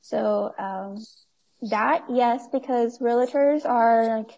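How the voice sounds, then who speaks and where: Young woman guest rambling casually, lots of likes and you knows, kinda high mellow voice. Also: slow, creaky. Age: 20s. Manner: chatty, many fillers, laughs easily. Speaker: guest, nonprofit owner. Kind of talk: casual interview chat.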